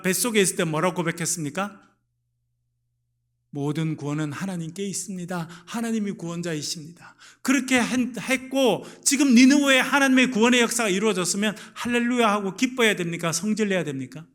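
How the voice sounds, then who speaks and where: A man's voice: sits high, fast talker, few pauses. A middle-aged male pastor preaching at a midweek prayer meeting. He asks the congregation questions and answers them himself, and acts out short bits of dialogue as he tells the story. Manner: acts out lively dialogue voices in the retelling. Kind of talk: sermon at a Wednesday prayer meeting.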